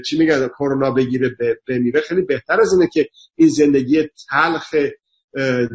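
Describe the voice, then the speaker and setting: Earnest man lecturing in lists. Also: mid-range voice. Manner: repetitive, lecturing, emphatic lists. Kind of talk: earnest explanatory talk. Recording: dull lo-fi sound.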